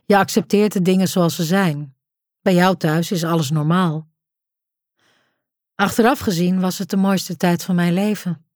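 Dark, dry-voiced female audiobook narrator. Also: on the low side, fairly even intonation, measured pace, long pauses, no room sound. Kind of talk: first-person audiobook narration.

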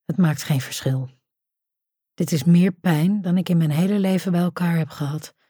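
A woman's voice: on the low side, warm tone, no echo, studio quality. A woman narrating a first-person audiobook in an intimate, tense storytelling manner.

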